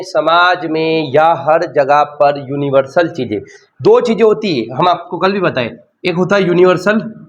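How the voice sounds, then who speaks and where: A man's voice: fairly high pitch, lo-fi sound. A man with a Hindi accent teaching a sociology class, repeating key terms and asking and answering his own questions. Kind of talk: classroom lecture.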